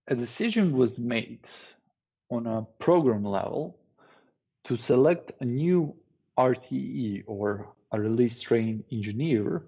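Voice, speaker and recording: A man presents a conference talk at an unhurried pace, his voice slightly husky. He speaks in a measured, deliberate way. The audio is narrow and tinny, like a phone line. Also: mid-range voice. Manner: measured, deliberate delivery with pauses. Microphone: online talk stream.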